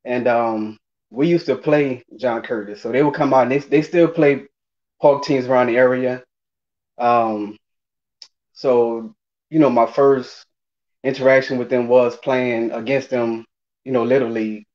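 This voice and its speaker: A man in his forties from New Orleans, Louisiana, with a local accent, chats casually and hesitantly as an interview guest over a remote video call from indoors. A former college running back, he has a mid-range, slightly mellow voice, steady in tone and a little slow. The video call audio is dull and lo-fi.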